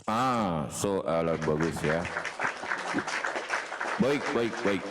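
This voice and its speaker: A man's voice: low voice, lively intonation, very slow, a loud crowd, very noisy. A man giving mocking, mock-preachy debate talk, taunting and laughing as he goes. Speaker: self-styled pastor in an online debate. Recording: reverberant, hall-like echo.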